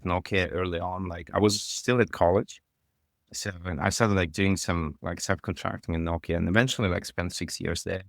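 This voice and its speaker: A man's voice: deep voice, creaky, no room sound, studio quality. A middle-aged man from Kazakhstan, a podcast guest telling his career story in a loose, rambling way full of "like". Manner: rambling, heavy use of "like". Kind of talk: casual interview talk.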